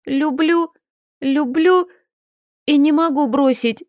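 A woman's voice: high-pitched, takes it slowly, a little mellow, dry recording, pitched above the performer's own voice. A young wife caught between fear and love speaks in an urgent, raised voice, as a woman reading the book voices her. Her lines sound close and dry. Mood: anguished. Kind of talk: audiobook character voice.

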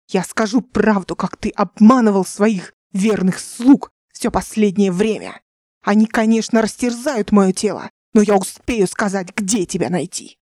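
A woman voicing a defiant female starship captain who shouts her threats and commands. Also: mid-range voice, no echo, clean studio sound, lightly acted.

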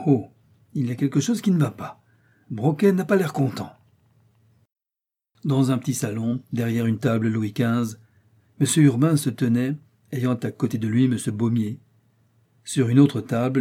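A man narrating a classic novel as an audiobook in a measured, expressive way. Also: medium pitch, slightly rough.

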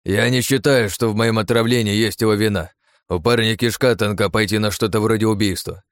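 A man's voice: lowish voice, steady tone, brisk, natural voice. A man voicing a stubborn, loyal old grandfather in an audiobook, speaking urgently in a raised voice. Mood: earnest.

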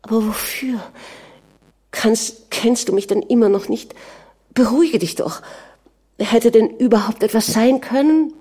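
A frightened young princess pleads and soothes, as a woman reads her aloud. Her voice lifts a little and hurries as she urges calm. The tone stays mellow and warm. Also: fairly low pitch, a little slow, husky. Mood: pleading. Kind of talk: audiobook reading.

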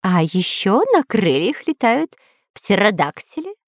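A woman's voice: mid-range voice, very animated, a little slow, no echo, clean studio sound, voice pushed up. A woman voicing a cowardly, fawning male pet parrot in a storybook reading, squawky and stammering. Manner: squawky, eager to please, stammering. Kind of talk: storybook narration.

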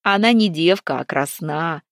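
A woman voicing a brash young prince who talks loudly and gets indignant. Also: low-pitched, measured pace, no echo, clean studio sound. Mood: eager. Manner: loud, excitable, indignant.

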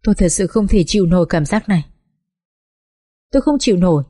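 Brief: distraught middle-aged mother in an audiobook drama, warm low voice, as a woman narrator puts her on. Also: expressive, a little fast, breathy edge. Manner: tearful, distressed. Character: grief-stricken middle-aged wealthy mother, reserved.

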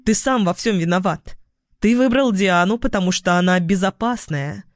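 A man's voice: high voice, moderate pace, no room sound, clean studio sound, close to an everyday voice. Figure: a man doing a cold, cutting woman psychologist. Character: cold composed young woman psychologist, sharp-tongued.

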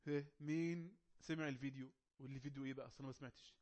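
Fast-talking Egyptian man coaxing his class. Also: mid-range voice, fairly even intonation, a little mellow. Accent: Egyptian Arabic. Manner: coaxing, teasing students to speak up. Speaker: teacher running an online English class. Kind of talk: casual online class moderation.

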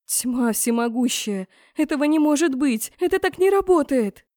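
A woman voicing a flustered young woman student who pleads in high, shrill outbursts. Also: fairly even intonation, very slow, dark tone, no echo, clean studio sound, exaggerated voice. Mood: pleading, panicky.

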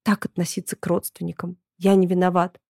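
A woman's voice: on the low side, little pitch movement, a little fast, creaky, a little mellow, no room sound, studio quality. A woman voicing a cheeky, sulky young schoolboy full of word puns in a read-aloud comic story.

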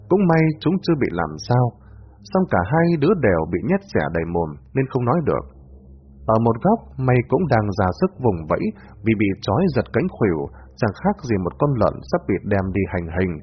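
A man narrating a dramatic story in a lively, expressive way. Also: mid-range voice, slightly rough. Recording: dull lo-fi audio.

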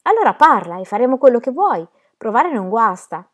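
A wary young wife, gentle and hesitant, as a woman reads her lines. She speaks softly, with questions that lift at the end. It sounds like a storybook reading. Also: fairly high pitch, sing-song, brisk, voice pushed up.

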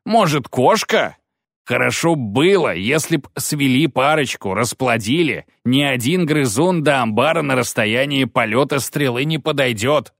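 A man's voice: mid-range voice, animated, measured pace, fairly bright tone, no room sound, clean studio sound, pitched above the performer's own voice. A man voicing a dwarf who speaks in a cool, mocking way. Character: dry, sardonic male dwarf.

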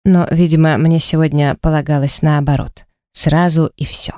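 A woman reading a first-person romance story aloud in a steady storytelling voice. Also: moderate pace, no echo, clean studio sound. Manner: steady storytelling, livelier and higher in the heroine's quoted lines. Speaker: audiobook reader. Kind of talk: scripted first-person narration.

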